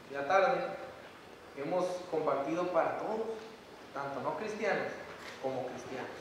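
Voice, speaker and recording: A man's voice: high-pitched, noisy background. A man preaching an impassioned sermon, speaking straight to his listeners. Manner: impassioned, preaching in direct address. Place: church. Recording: echoey church hall, distant mic.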